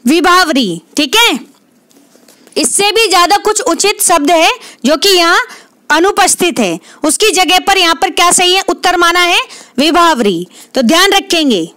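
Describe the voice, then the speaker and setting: A woman's voice: extremely high pitch, lively intonation, a little slow, pushed and bright, dry recording, studio quality. A woman tutor going through exam questions, asking herself each question and answering it, repeating the key words. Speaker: Hindi literature exam tutor. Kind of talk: quiz explanation lesson.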